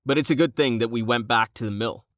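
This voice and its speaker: A man's voice: medium pitch, quick pace, no room sound, clean studio sound, lightly acted. A man voicing an earnest, cautious young male adventurer in an audiobook.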